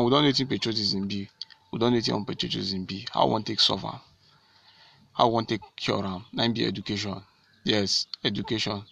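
Man, Nigerian accent, gravelly voice, rhetorical repetition, civic address, dull dry recording. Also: medium pitch, fairly bright tone, no room sound. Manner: rhetorical, repeats key phrases and answers own questions. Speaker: speaker addressing fellow citizens. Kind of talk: direct civic talk in Pidgin to an audience.

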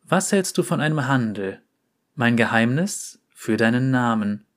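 A man playing Fiaram, a gentle clockwork boy. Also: medium pitch, lively intonation, measured pace, lightly acted. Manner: soft, gentle, playful. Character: shy gentle porcelain clockwork boy, playful showman.

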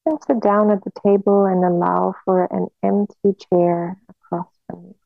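A woman's medium-pitched, level voice, touched with vocal fry, guides a hypnosis session in an unhurried, soothing manner broken by long pauses. The sound is dry and narrow, much like a phone call.

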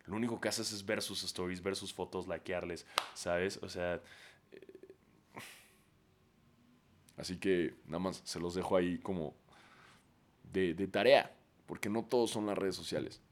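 A man's voice: low-pitched, fairly even intonation, normal speed, a little hiss or hum. A man with a Mexican accent talking casually and profanely on his podcast, ranting and putting on mocking voices. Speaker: podcast host.

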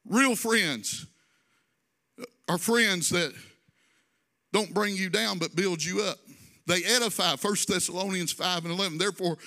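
A man's voice: sits high, bright, forceful tone. A male pastor preaching a conversational sermon, drawing phrases out in a sing-song and adding folksy asides.

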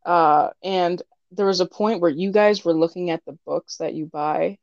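Young woman chatting on a podcast, fairly low voice, giggly storyteller, sounds dry and a bit muffled. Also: moderate pace, darkish tone, no echo. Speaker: podcast co-host. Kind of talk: casual storytime chat.

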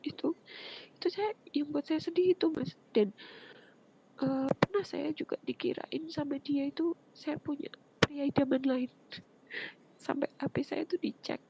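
Woman, 30s, high gravelly voice, earnest, half-whispered, muffled lo-fi recording. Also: moderate pace, pauses often. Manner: earnest, soft-spoken, often drops to a breathy whisper. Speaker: interview guest. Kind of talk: personal story told in an interview. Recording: muffled lo-fi with faint background noise.

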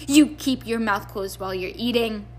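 A woman's voice: fairly high pitch, normal speed, lightly acted. A woman voicing a bossy, fussing middle-aged witch mother in a storybook, snappy and emphatic but doting. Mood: scolding.

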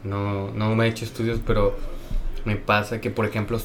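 Man, mexican accent, low voice, slangy casual chat, faint background hiss. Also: flat delivery, normal speed. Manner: slangy, peppers speech with "güey", laughs while telling stories. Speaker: nurse.

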